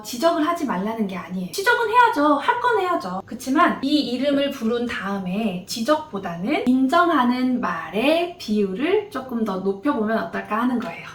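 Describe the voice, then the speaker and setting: A woman nurse giving a lively motivational lecture, emphatic and acting out little scenes as she talks. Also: a little high. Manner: animated, emphatic, acts out scenes. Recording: roomy echo, distant mic.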